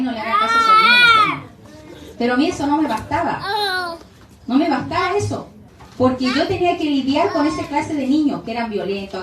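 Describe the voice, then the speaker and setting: A woman's voice: high voice, heavy background noise. A woman pastor preaching a sermon, emphatic and asking the congregation direct questions. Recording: echoey room from a distance.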